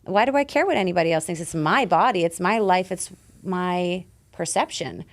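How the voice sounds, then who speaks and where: A woman in her forties, a lifestyle coach guesting on a podcast, talking in an emphatic, animated way and swearing freely. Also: on the low side, moderate pace. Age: 40s. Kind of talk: casual conversational interview.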